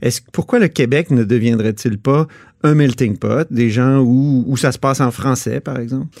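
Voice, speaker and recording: A man's voice: medium pitch, normal speed, creaky, darkish tone, no room sound, studio quality. A man with a Quebec French accent hosting a radio interview, asking probing questions and cutting in. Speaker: radio host.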